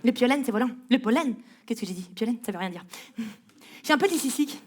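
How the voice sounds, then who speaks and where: A woman's voice: a little high, animated, quick pace. A female comedian doing stand-up on a festival stage, teasing a spectator and playfully mangling words.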